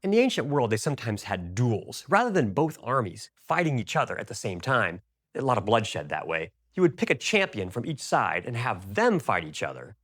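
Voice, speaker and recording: Sex: male. Role: history teacher. Style: dramatic storytelling, swinging up and down in pitch. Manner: chatty, slangy asides. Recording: dry, close. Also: normal speed, no echo. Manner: chatty, animated, colloquial asides.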